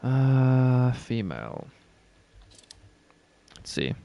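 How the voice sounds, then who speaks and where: This gaming streamer is very animated, with a medium pitch, drawn-out words and a creaky voice, as he chats loosely with viewers during a driving game, sometimes swearing. Loud rally car engine noise and game sounds run beneath him.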